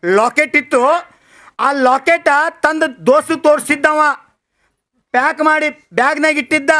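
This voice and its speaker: A man's voice: extremely high pitch, bright, forceful tone, voice pushed up, exaggerated voice. A man voicing a grown former pupil who tearfully and respectfully pleads before his old teacher. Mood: confessing.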